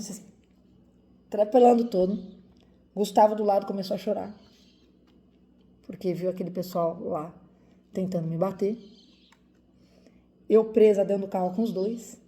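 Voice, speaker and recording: A woman's voice: mid-range voice, mellow. A woman from Brazil in her forties, a doctor, telling viewers a personal story in an emotional, vivid way with lots of repetition.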